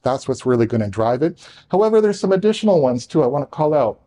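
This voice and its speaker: Male presenter, mid-pitched and mellow, live tech talk in a conference room, hurried with repeated restarts, jokes with the room. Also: sing-song. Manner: rushed, talking fast with restarts; jokey asides to the room. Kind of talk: technical presentation to a live audience.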